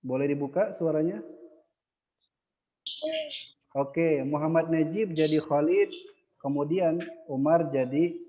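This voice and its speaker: A man's voice: fairly high pitch, takes it slowly, long pauses, long reverb tail, dull audio. A male teacher running an online Arabic lesson, patient and adding a short "ya" after most phrases.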